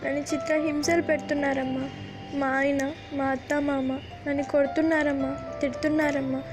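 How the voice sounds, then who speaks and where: A woman's voice: high voice, level tone, a little fast, music in the background, natural voice. An actress playing an abused young wife who cries and pleads with her mother. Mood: pleading. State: crying.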